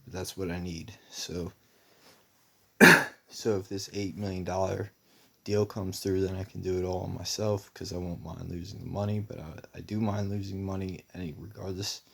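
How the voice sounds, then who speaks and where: A man's voice: sits low, flat delivery, normal speed, vocal fry, sharp tone. A young man talking in a rambling personal monologue, meandering with many fillers and restarts. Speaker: vlogger.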